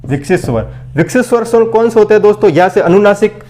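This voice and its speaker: A man with a fairly high voice teaches an exam-prep lesson while writing. He drills every point by asking the class and answering it himself. The sound of him writing is heard behind him. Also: lively intonation, fast talker, a little mellow. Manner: call-and-response drilling, repeats questions and answers; keeps addressing listeners as friends. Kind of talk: blackboard lesson for exam preparation.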